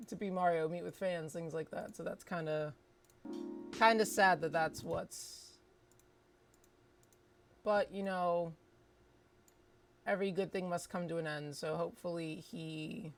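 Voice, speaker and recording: A woman's voice: fairly low pitch, steady tone, unhurried, long pauses. A woman hosting a game stream in a casual, rambling, conversational way. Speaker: streamer hosting a morning show. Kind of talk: casual gaming stream commentary, reading game dialogue aloud. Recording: music playing behind the voice. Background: background music.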